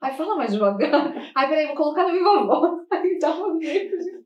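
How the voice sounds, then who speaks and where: A Brazilian woman with a Brazilian Portuguese accent chatting casually, telling animated stories, laughing often and acting out what others said. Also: high voice, fairly quick, muffled recording. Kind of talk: casual chat. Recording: roomy sound from a distant mic.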